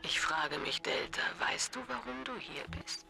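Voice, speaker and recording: A cold, calculating cult leader in a video game, lecturing in a measured tone. Her pitch rises and falls a lot. A steady hiss sits under the game audio. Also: vocal fry. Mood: menacing. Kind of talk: German video game dub.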